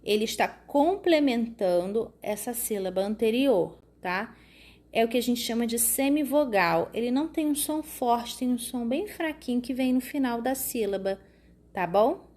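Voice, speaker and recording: A woman teaching a lesson to young children, explaining patiently and often checking that they follow. She draws words out slowly when sounding out syllables. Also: on the high side, animated, darkish tone. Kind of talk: recorded classroom lesson for children.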